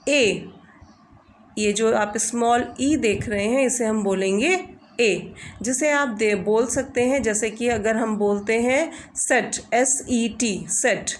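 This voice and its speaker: Female teacher, unhurried and patient, slightly high voice, faint room noise. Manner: slow, patient, drawn-out demonstration of vowel sounds. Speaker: English phonetics teacher. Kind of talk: slow explanatory lesson over a screen recording.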